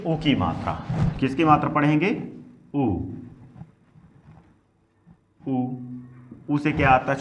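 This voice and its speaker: A man's voice: fairly high pitch, fairly bright tone, a little hiss or hum. A male English teacher giving a classroom spelling lesson, asking questions and answering them himself while drilling words syllable by syllable.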